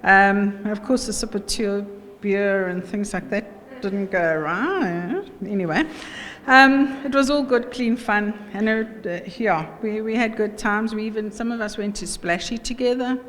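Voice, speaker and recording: A middle-aged South African woman gives an informal wedding toast as mother of the bride, chatty, jokey and halting. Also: mid-range voice, fairly bright tone. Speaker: mother of the bride giving a speech. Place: wedding reception room. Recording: echoey hall, background noise.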